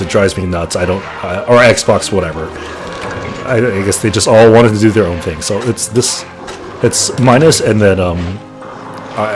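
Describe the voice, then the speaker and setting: A man in his late thirties chatting casually as he plays, rambling and correcting himself as he goes. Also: fairly low pitch. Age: late 30s. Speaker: gaming channel host. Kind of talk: casual gameplay commentary.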